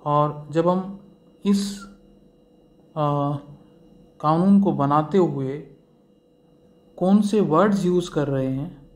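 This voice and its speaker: Drawing out his words and leaving long pauses, a man with a fairly high voice lectures on law. His step-by-step explanation weaves in English legal terms and fillers, and he asks his class rhetorical questions.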